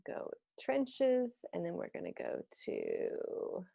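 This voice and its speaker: A woman's voice: a little high, huge pitch swings, slow pace, gravelly, mellow. A woman in her fifties hosting a casual video call about fashion, chatty and rambling, often trailing off mid-sentence. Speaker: host.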